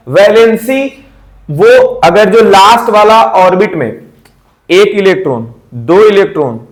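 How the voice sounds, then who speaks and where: A man teaching a chemistry lesson, asking questions and answering them himself, repeating key terms. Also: high voice. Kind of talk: classroom-style chemistry lesson. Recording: echoey room.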